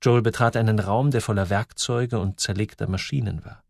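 A man narrating an audiobook in an expressive reading voice. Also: on the low side, normal speed, vocal fry, dry recording, studio quality.

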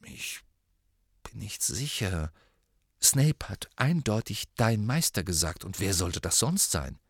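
A man's voice: fairly low pitch, sing-song, slow pace, no echo, studio quality, heavily acted. A man voicing a stubborn, suspicious teenage wizard boy in an audiobook, talking in a reluctant, insistent way. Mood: unsure.

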